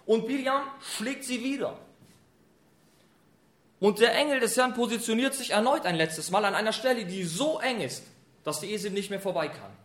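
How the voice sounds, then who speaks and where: A man preaching a sermon, retelling a scripture story in a lively, colloquial way. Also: sits high, moderate pace. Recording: echoey room.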